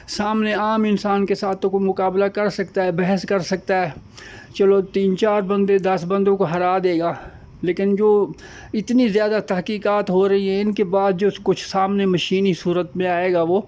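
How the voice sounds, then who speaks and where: A man's voice: high-pitched, darkish tone. A man giving a casual, rambling monologue as host, piling up repeated phrases and lists.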